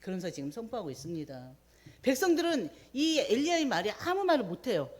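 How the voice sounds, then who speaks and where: A woman preaching a midweek sermon, retelling a scripture story with animated voices for the quoted prayers. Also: fairly high pitch, fast talker.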